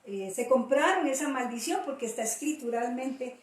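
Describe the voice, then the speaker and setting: A middle-aged woman pastor preaches with emphasis and repeats key lines. Her voice sits high. The sound is roomy and picked up from a distant mic. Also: normal speed. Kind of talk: preaching talk.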